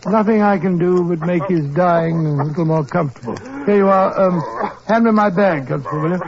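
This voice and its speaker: An actor playing a blustering, self-assured gentleman doctor with a British accent in a 1940s radio drama. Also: high-pitched, a little fast, crowd noise. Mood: concerned. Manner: pompous, blustering. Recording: dull old 1940s radio recording.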